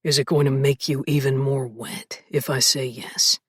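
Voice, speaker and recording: A woman narrator voicing a confident, teasing adult male lover in a low, murmuring, half-whispered voice for an audiobook. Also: fairly even intonation, moderate pace, breathy edge, no room sound, studio quality. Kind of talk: audiobook character voice.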